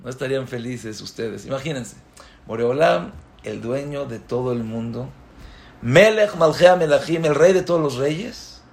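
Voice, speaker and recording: A man delivers a rabbi's religious lecture in a gravelly, mid-pitched voice. He tells his points as stories, rising to loud exclamations and then dropping to hushed asides. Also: lively intonation, normal speed. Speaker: rabbi giving a Torah talk.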